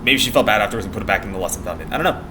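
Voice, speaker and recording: Young American male vlogger, rapid meandering chatter, giggly and casual, faint noise behind the voice. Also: lowish voice, animated. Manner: meandering, giggly, trails off mid-thought. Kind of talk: casual rambling vlog chat.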